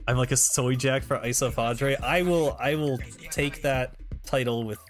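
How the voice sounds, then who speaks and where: A man's voice: medium pitch, fairly even intonation, moderate pace. Rambling man streaming a game. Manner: rambling, with restarts and frequent laughs. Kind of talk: casual gameplay commentary. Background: game music.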